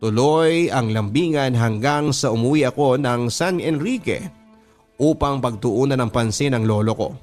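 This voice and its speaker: With a medium-pitched, somewhat dark tone at normal speed, a man with a Filipino accent presents a radio story show. He voices listeners' letters as dramatic first-person tales over background music.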